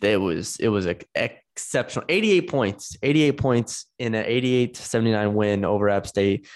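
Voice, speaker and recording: A man's voice: fairly low pitch, animated, normal speed. A man co-hosting a casual sports podcast, talking enthusiastically with frequent fillers and restarts. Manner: enthusiastic, conversational, many fillers.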